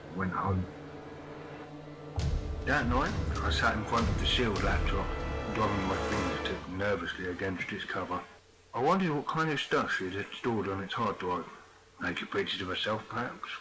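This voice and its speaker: A man reading a horror story aloud in a measured, deliberate storytelling manner. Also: on the low side, low-quality recording. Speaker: story narrator. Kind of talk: scripted horror story narration. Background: faint background music.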